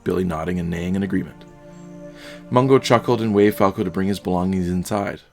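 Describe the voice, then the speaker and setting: A man narrating a solo tabletop fantasy game in steady, descriptive storytelling. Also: sits low, fast, creaky, soft background music.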